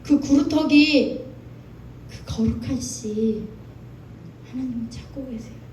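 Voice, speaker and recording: In a church sanctuary, a woman preacher with a high voice speaks slowly, delivering an impassioned sermon in which she acts out the quoted voices of God and of youth. The recording is echoey and distant-miked, with music and noise in the background.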